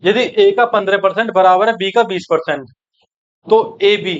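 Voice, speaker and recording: A man teaching an exam-prep maths lesson, brisk and coaxing, who keeps checking that his students follow. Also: sits high, lo-fi sound.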